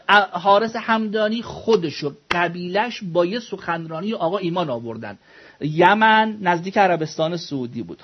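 A man's voice: high voice, breathy edge, highs cut off. A man teaching a religious studies class, explaining texts word by word, questioning students and joking with them.

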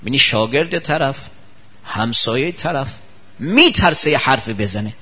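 A man's voice: animated, husky. A male preacher giving a sermon full of anecdotes, acting out the people he quotes with sudden jumps in his voice. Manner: acts out quoted people with sharp pitch jumps.

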